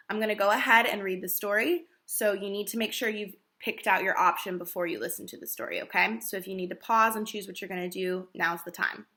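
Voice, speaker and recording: Bright lady teacher talking slow and clear to little kids, recorded lesson. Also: mid-range voice. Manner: slow, clear teacher talk for small children; reads the story aloud slowly and loudly, stressing each word. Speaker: first grade teacher. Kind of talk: recorded lesson for young children.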